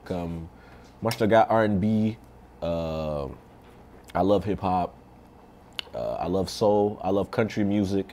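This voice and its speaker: A man, a singer guest in a casual interview, relaxed and switching often between French and English. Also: sits low, slow pace, long pauses, slight background noise.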